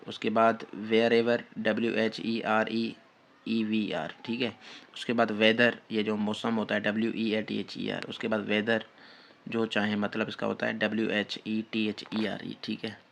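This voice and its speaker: A man's voice: fairly low pitch, vocal fry, a bit bright, slight background noise. A man with a Pakistani Urdu accent giving a spelling lesson, dictating words letter by letter and repeating "theek hai" often. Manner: slow, repetitive dictation with frequent "theek hai" fillers. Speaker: test-prep teacher.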